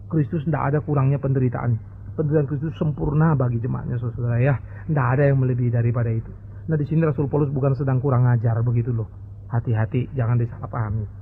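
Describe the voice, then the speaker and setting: A male pastor preaching a sermon in a lively, exclaiming way, often speaking straight to the congregation. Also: mid-range voice, quick pace, creaky, slight background noise. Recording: narrow phone-like lo-fi audio.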